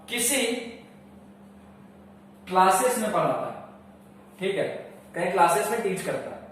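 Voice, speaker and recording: A man teaching a class, asking quick questions and answering them himself and repeating the key points. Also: sits high. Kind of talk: classroom lecture. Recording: echoey room, mic far off.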